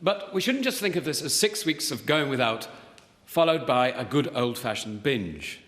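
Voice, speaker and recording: An actor playing an earnest, mild-mannered village vicar with a gentle, measured, polite manner in a naturalistic TV drama. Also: male voice, medium pitch, big pitch swings. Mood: earnest, solemn. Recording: reverberant, echoey hall.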